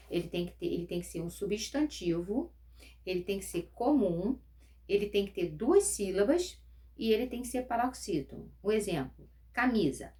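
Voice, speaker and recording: A woman teacher talks her pupils through a grammar review at a patient pace. She repeats key words slowly and addresses the class directly. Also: medium pitch. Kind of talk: recorded lesson reviewing school grammar.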